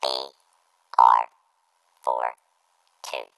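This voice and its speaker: A man voicing a small, cute factory robot with a metallic, sing-song voice, speaking slowly word by word. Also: very deep voice, monotone, creaky, fairly bright tone, clear, resonant tone, no room sound, pitched below the performer's own voice, heavily acted. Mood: flat. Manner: slow, halting, word by word.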